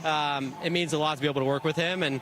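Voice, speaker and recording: A young man answering post-race interview questions in an upbeat, halting way, often repeating words. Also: on the high side, fairly even intonation. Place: outdoors at a racetrack. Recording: noisy outdoor track interview.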